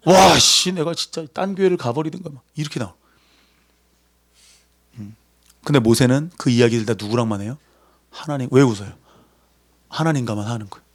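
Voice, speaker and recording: A man preaching a sermon in a lively, conversational way, acting out voices as he goes. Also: mid-range voice, a little fast, pauses often. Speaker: pastor.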